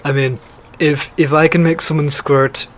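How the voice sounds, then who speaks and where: A young man, a podcast guest, telling his story in a halting way with many fillers. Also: a little high, flat delivery. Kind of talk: casual interview.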